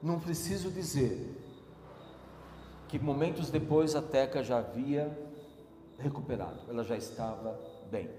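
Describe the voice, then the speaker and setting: A male pastor preaching a sermon slowly and emphatically, his passion rising. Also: medium pitch, warm tone, slight background noise. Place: church sanctuary. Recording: echoey church hall with music.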